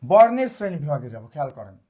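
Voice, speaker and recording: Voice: mid-range voice, big pitch swings, fast, husky, dull audio. A grammar teacher, giving a live online lesson, who often asks the class a question and answers it, repeating key points.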